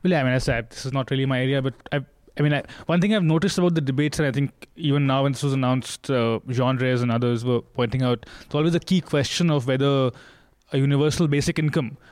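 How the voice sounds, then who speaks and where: A man's voice: mid-range voice, quick pace, darkish tone, dry recording. A man speaking as a panelist in a casual political discussion, tentative and careful in his claims.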